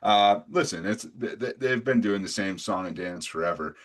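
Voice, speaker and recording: A man's voice: fairly low pitch, moderate pace. A man hosting a casual sports podcast, blunt and profane, rambling with frequent restarts. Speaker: podcast host.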